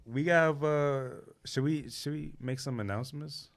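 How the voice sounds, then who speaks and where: A man hosting a casual podcast chat, slangy and quick to laugh. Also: on the high side. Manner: loose, slangy, laughs often. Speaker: podcast host. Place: podcast set with a camera.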